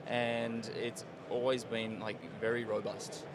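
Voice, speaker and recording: A middle-aged man with a medium-pitched voice explains products casually in an interview. He thinks aloud in a hesitant, conversational way, with clear event floor noise around him. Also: level tone, slow pace. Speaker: company product expert being interviewed. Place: busy trade show stand. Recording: noisy trade show floor. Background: event hall noise.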